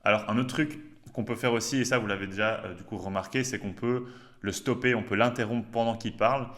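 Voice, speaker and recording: A man with a fairly low voice walks viewers through a casual tech demo. He talks loosely and slangily, with plenty of filler pauses. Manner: relaxed, chatty, slangy with frequent hesitations. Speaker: host.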